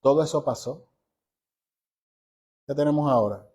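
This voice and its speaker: A man's voice: mid-range voice, mellow, slightly rough. Emphatic man teaching a Bible study. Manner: emphatic, asks rhetorical questions of listeners; slows down to stress key phrases.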